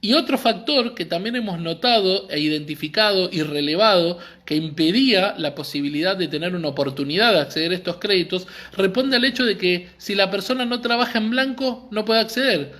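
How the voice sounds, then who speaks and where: A man's voice: sits high, animated, a little fast, few pauses, a bit bright. A man with an Argentine accent giving an earnest, explanatory live-streamed talk, often checking in with his listeners. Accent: Argentine Spanish. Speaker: community library speaker.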